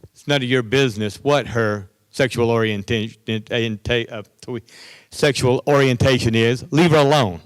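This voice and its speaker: At a conference hall, a man gives a political speech built around anecdotes from his work, acting out other people's words as he quotes them. His medium-pitched voice is clear and resonant, and the recording is dry.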